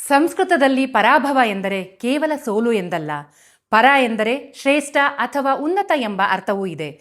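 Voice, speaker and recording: A woman narrating a scripted explainer in a measured, formal way, letting her phrases fall away at the ends. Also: on the high side. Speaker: video host.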